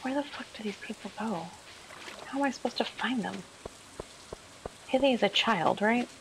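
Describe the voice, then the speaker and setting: Casual woman streamer with gravelly voice. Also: fairly high pitch, moderate pace, noisy background. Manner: relaxed, swears casually, laughs often. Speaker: streamer playing a farming game. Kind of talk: casual gameplay chat.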